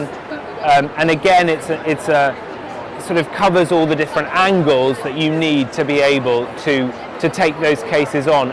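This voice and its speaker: A man who trains dogs and teaches primary school, giving an earnest, measured testimonial interview with frequent restarts. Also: on the high side, noisy background. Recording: clear background music.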